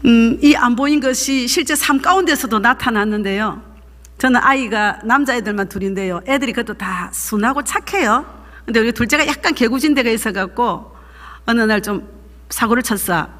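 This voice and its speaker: Woman, high bright voice, fervent preaching, echoey church hall. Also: normal speed. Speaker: pastor's wife leading a seminar. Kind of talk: sermon testimony. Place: church sanctuary.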